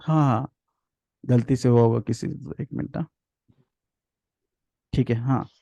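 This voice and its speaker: A man's voice: medium pitch, steady tone, a little slow, vocal fry, dark tone, no room sound. A man leading a live parenting workshop over a video call, who lectures animatedly, repeats his key points and calls on participants by name. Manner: asks rhetorical check questions. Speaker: parenting and personal development trainer.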